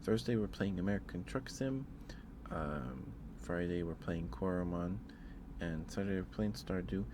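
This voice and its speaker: A male live streamer with a low voice keeps his speech soft and his pace moderate in an easygoing ASMR session. There's some rambling and hesitation, backed by unbroken ambient noise.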